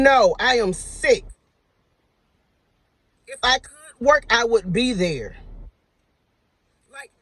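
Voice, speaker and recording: A woman's voice: medium pitch, rough recording. A woman who works as a nurse, telling a story to her viewers in a casual, emphatic way and calling them y'all.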